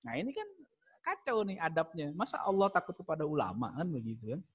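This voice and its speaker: A man teaching an online class on Arabic grammar, with a voice pitched a little above the usual for men. He explains step by step and rises in emphasis on the points that matter, now and then chuckling at a funny example. The sound is that of a video call. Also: wildly swooping pitch, fairly quick, breathy edge. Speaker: Islamic studies lecturer.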